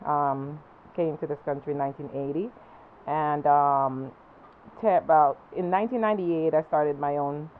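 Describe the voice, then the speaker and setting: A woman from Jamaica with a Jamaican accent, a guest entrepreneur talking about her work, halting and full of ums. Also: sits low, narrow, tinny audio, slight background noise. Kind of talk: talk show interview.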